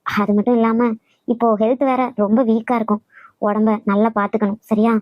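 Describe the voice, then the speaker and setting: A woman voicing a kind middle-aged mother-in-law who reassures her daughter-in-law and gently scolds her son in a cartoon. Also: a little high, flat delivery, fairly quick, dry recording, lo-fi sound, voice pushed down, natural voice. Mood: soothing.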